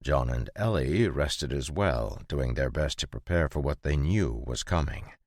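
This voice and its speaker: A male narrator reads a fantasy audiobook in an extremely low, booming register. His delivery is even and measured, and the recording is bone-dry and close to the mic. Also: no echo. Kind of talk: scripted narration.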